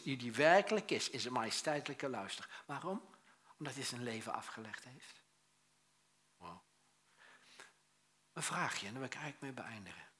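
A male preacher delivers a lively sermon, full of asides and restarts. His voice is bright and forceful. He swings between loud bursts and quiet, dropped phrases. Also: mid-range voice. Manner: animated storytelling with many restarts and asides; acts out quoted voices, swings loud and soft.

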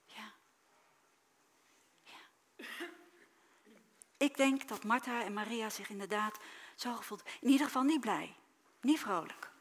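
A woman preacher giving a sermon, reading the Bible story dramatically with sudden loud cries and soft, quiet drops. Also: on the high side, slow pace, pauses often.

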